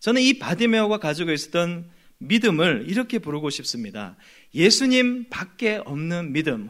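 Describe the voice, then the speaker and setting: A man preaching a sermon, lively and animated, sometimes acting out voices from the story. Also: high voice. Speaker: pastor.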